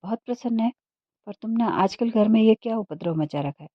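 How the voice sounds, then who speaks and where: A woman voicing a calm, educated husband in a storybook reading, asking in a measured, worried way. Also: fairly high pitch, no echo, pitched above the performer's own voice. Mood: worried, probing. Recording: dull muffled dry recording.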